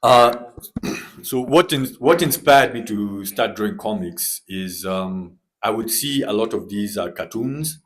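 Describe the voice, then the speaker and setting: A man with a Kenyan accent, a comic artist guest who chats in a relaxed way on a panel. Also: on the low side, unhurried. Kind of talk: panel discussion.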